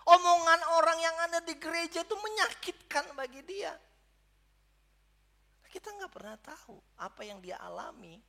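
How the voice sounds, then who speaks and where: A man's voice: very high voice, lively intonation, normal speed, gravelly, pushed and bright. A man preaching a sermon to his congregation, speaking to them directly and building to emphatic peaks. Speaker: pastor. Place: church service.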